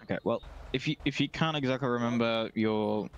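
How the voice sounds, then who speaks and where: A man's voice: mid-range voice, a little fast, highs cut off. A man casually improvising as a police deputy in an online role-play game.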